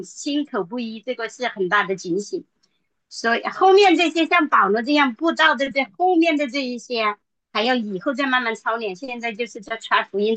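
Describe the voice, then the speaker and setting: Woman giving testimony at a Bible study, halting with fillers, bright voice, dry recording. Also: fairly high pitch, no room sound, rough recording. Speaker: church member sharing testimony.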